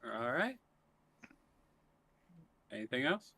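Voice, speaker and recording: A man running a tabletop game as game master, calling turns in an easygoing, brisk way. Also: mid-range voice, big pitch swings, sharp tone, breathy edge, no echo.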